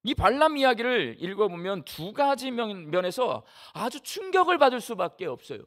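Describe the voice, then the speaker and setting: Lively high-voiced pastor preaching. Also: male voice, normal speed. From Jeolla region, Korea. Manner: conversational, storytelling, often asks the congregation questions. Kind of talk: sermon.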